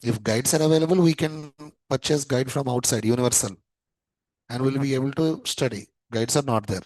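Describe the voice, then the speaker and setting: A man's voice: mid-range voice, a little fast, a little mellow, dry recording, rough recording. Chatty Indian man teaching a class. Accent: Indian English. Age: 30s. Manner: repetitive, chatty, often repeats phrases. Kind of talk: classroom lecture with anecdotes.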